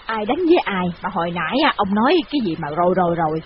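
A man's voice: high-pitched, very animated, racing, noisy background, pitched above the performer's own voice. A man voicing a plump, fretful old woman who nags and scolds in a querulous way, on a dull lo-fi recording. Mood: worried.

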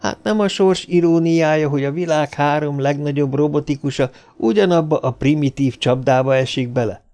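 A man's voice: on the high side, hardly any pauses, darkish tone, close to an everyday voice. A man voicing a sardonic woman scientist, Susan Calvin. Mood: mocking. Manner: sarcastic and biting. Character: sharp, mocking woman robot psychologist.

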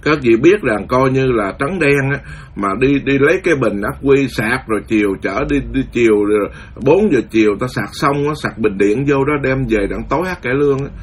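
A Buddhist monk giving a lively storytelling sermon, acting out the voices of the people in his story. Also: mid-range voice, a little fast, a little hiss or hum. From Vietnam. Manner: animated, acts out quoted voices, laughs at his own story. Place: lives in the US, speaking to followers.

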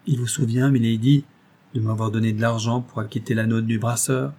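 A man's voice: medium pitch, flat delivery, a little fast, dark tone, close to an everyday voice. A man voicing a timid young innkeeper's wife who speaks in a humble, apologetic and pleading way, in an audiobook reading.

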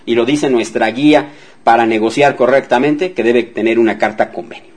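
A man's voice: medium pitch, moderate pace. A man hosts a radio advice show about debt. He talks in a casual, chatty way, speaks directly to his listeners and now and then acts out what they might say. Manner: conversational, addresses listeners directly, acts out example dialogues.

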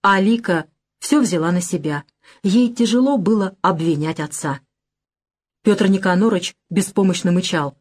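A woman narrating a novel in a steady, measured audiobook reading. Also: fairly low pitch. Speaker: audiobook reader. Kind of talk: literary narration.

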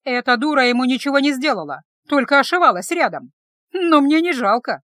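A woman voicing a furious young village woman who shouts and scolds shrilly. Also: high voice, sing-song, fairly quick, dry recording. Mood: furious, shrill.

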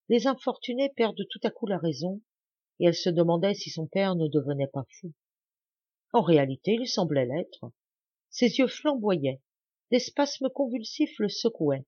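A woman reading a classic novel aloud in an expressive, dramatic narration, recorded dull and muffled. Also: medium pitch, husky, no echo. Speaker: audiobook reader. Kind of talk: scripted literary narration.

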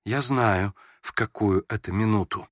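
A man's voice: on the low side, unhurried, no room sound, studio quality, natural voice. A man reading an audiobook, voicing a proud, impulsive young woman who flares up and then turns shy. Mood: embarrassed. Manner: sharp, flustered, switching between scorn and shyness.

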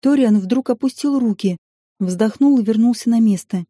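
Dark-toned woman narrating an audiobook. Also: fairly high pitch, normal speed, no room sound, clean studio sound.

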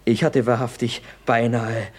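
An actor playing a flustered young playwright son in a classic radio play. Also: male voice, medium pitch, little pitch movement, lightly acted. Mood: irritated. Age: young adult. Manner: flustered, evasive, hurried.

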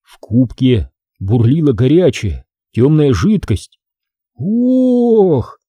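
Male audiobook narrator, very dark voice, husky, lively, dry close sound. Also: medium pitch, moderate pace, dry recording.

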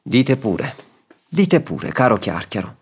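A man voicing a calm, patient judge who reasons gently, in a radio story reading. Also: medium pitch, slow, breathy edge, heavily acted. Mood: puzzled. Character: patient, wry male judge.

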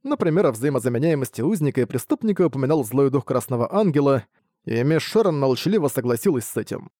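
A man narrating a fantasy audiobook in a steady, even reading voice. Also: medium pitch, fast, no echo, studio quality.

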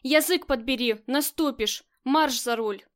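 A woman reading as a hard, cold-blooded female gang boss who talks in curt, commanding lines, her voice high. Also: unhurried, fairly bright tone. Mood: furious.

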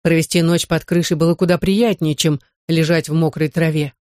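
An audiobook narrator reading a historical adventure novel in a measured storytelling manner. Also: mid-range voice, steady tone, darkish tone, no room sound, clean studio sound. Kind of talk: literary narration.

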